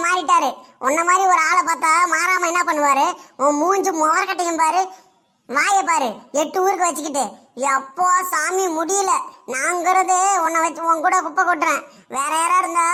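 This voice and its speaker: A mocking young wife, played by a woman with a high, bright voice and a Kanyakumari Tamil accent. She taunts and schemes in this family comedy skit. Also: steady tone, normal speed. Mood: taunting. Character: sharp-tongued young wife, scheming against mother-in-law.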